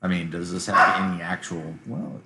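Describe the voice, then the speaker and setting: Low-voiced man rambling over a map. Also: moderate pace, very noisy. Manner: relaxed, rambling, thinking aloud. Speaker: map-making streamer for tabletop games. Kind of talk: casual commentary while drawing a map.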